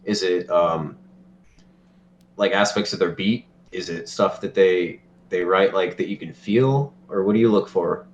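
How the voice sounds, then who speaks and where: A man co-hosts a podcast with a lowish voice, asking halting, searching questions. He sits away from the mic, so he sounds roomy and muffled with a faint hiss behind him. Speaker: podcast co-host. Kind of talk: casual interview questions.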